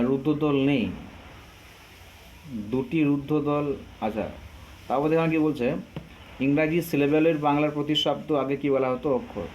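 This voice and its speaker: A man teaching an exam-prep grammar lesson, drawing out example words and pausing to hesitate often. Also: medium pitch, a little mellow, slight background noise. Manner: slow, drawn out over example words, frequent hesitations.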